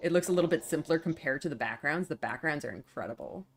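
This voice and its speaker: A woman's voice: low voice, expressive, fast talker, a little hiss or hum. A woman game streamer chatting casually as she plays.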